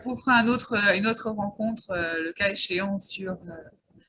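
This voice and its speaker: A host leading a casual conversation in a measured way, with frequent hesitations and follow-up questions. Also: mid-range voice, pushed and bright, a little hiss or hum, low-quality recording.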